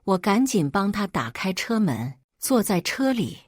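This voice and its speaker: A woman narrating a first-person drama story in a playful, lively way. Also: mid-range voice, measured pace, no room sound, clean studio sound.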